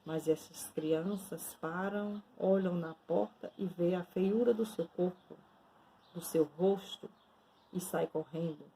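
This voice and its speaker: Nun, slow dramatic devotional storytelling, mellow tone, faint hiss behind. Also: female voice, on the low side, poor audio.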